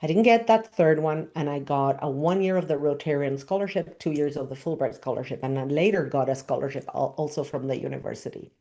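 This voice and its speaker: A middle-aged woman from Argentina, a spiritual teacher telling a personal story in an expressive, emphatic way. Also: deep voice, fairly quick, hardly any pauses.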